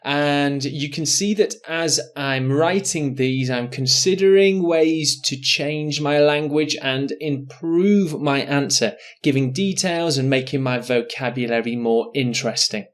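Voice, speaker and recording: A man teaching an exam speaking lesson, thinking aloud as he writes out model answers. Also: a little high. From England. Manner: slow, deliberate, thinking aloud while writing. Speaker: English test teacher. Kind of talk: recorded online lesson.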